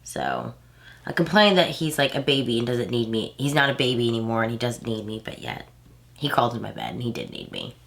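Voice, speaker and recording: With a rumbling low voice, sing-song delivery, vocal fry, and a brisk pace, a Houston-born beauty vlogger in her thirties talks casually through a makeup tutorial. A stuffy nose from allergies makes her sound nasal. She is chatty, drifting into rambling asides packed with fillers.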